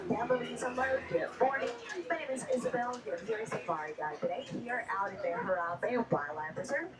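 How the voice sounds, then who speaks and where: A woman's voice: medium pitch, distant mic, low-quality recording. A woman working as a safari tour guide, giving an upbeat, chatty live spiel from an open truck. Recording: loud crowd and vehicle noise around.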